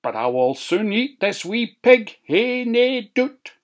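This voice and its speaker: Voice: medium pitch, sing-song, takes it slowly, pitched above the performer's own voice. A narrator voicing a sly, hungry old grey wolf in a Scottish storybook tale, in a wheedling sing-song. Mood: threatening. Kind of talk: storybook reading.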